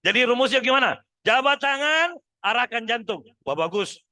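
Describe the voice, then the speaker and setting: Animated male speaker, high voice, demonstrating tones for the congregation. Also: normal speed. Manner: animated, demonstrates different voices, addresses men as "Pak". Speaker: speaker at a midday mosque study session. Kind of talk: lively motivational talk with voice demonstrations.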